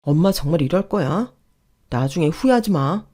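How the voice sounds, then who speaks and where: A woman's voice: sits low, animated, moderate pace, dark tone. Woman playing a firm exasperated son. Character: frustrated adult son, firm and pleading.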